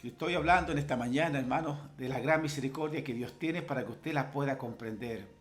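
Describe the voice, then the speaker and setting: A male pastor preaching a sermon, swelling loudly when quoting scripture, then dropping to softer asides and calling listeners brother. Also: mid-range voice, fairly quick, faint music behind. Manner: preaching with fervent rises on scripture and soft asides; addresses listeners directly as brother.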